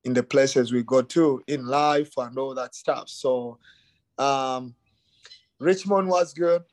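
Ugandan-born man, relaxed interview guest. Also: mid-range voice, slow, no room sound. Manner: relaxed, many fillers like "you know" and "um". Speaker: youth soccer academy director, guest. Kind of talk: casual interview.

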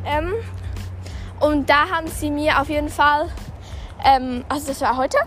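Young female podcast host, high-pitched, speaking while out jogging; informal, halting, self-correcting delivery over background music. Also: steady tone, a bit bright. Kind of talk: casual spoken podcast monologue.

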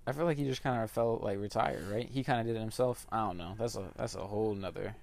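A man's voice: fairly low pitch, quick pace, vocal fry, darkish tone. A young man chatting casually as a podcast co-host. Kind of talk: casual chat.

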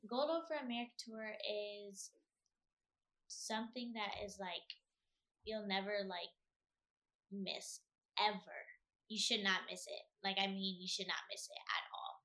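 A woman's voice: mid-range voice, unhurried, long pauses. A young adult woman answering interview questions in a casual, chatty way, often saying "like". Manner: chatty, animated, lots of filler "like". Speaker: athlete guest.

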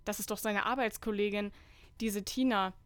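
A woman's voice: mid-range voice, fairly even intonation, normal speed, dry recording. A young woman co-hosting a podcast, reading fanfiction aloud with dry, mocking commentary and skipping parts with "bla bla". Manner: mocking, skips passages with "bla bla". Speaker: podcast co-host.

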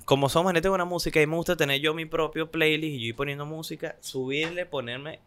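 A man's voice: quick pace, a little hiss or hum. A young man with a Venezuelan accent co-hosting a casual podcast chat, telling stories and acting out what people said. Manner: animated storytelling, acts out quotes in higher voices. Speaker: podcast co-host.

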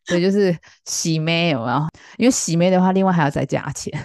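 A woman's voice: lowish voice, a little fast, darkish tone, dry recording, studio quality. A woman, telling a story in a chatty way, full of fillers, and acting out the quoted lines. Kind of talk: casual storytelling.

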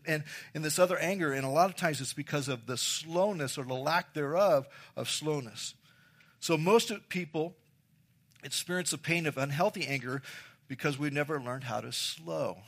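Emphatic pastor with a higher voice. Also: male voice, fairly bright tone. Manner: emphatic, repeats key phrases; engages the congregation directly. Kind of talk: sermon.

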